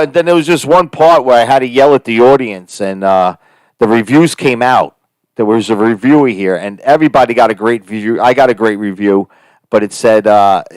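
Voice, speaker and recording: A man's voice: on the low side, dry recording. A man with a New Jersey Italian-American accent, co-hosting a casual live stream and rambling with many fillers and restarts. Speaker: co-host and actor.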